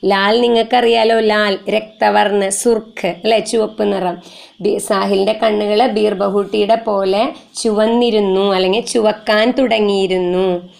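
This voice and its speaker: Creaky-voiced woman teaching a story. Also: mid-range voice, steady tone, darkish tone. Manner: reads Hindi lines slowly, then explains them; asks and answers her own questions. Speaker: Hindi teacher. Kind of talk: exam lesson explaining a story.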